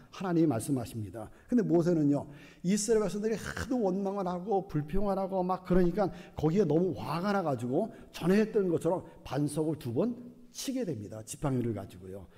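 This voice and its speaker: A man's voice: fairly high pitch, very animated, fairly quick, dark tone, big-room sound. A male pastor preaching a sermon, telling the story and acting out its dialogue.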